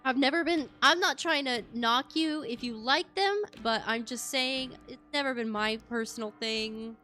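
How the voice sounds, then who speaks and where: Playful woman streamer, slightly high voice. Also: moderate pace, bright, forceful tone. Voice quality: self-described witchy voice. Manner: playful, rambling, hums and scats to herself. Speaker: game streamer. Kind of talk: casual live-stream chat while playing. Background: background music.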